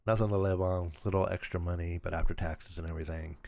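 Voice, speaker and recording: An older man chats through a livestream in a deep, low voice with a gravelly crackle, still raspy from a sore throat. He rambles along in an easygoing way, and the sound is dry and close with no room echo. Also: steady tone, fast, a little mellow. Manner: rambling, easygoing, laughs at himself. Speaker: channel host. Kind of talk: casual livestream chat.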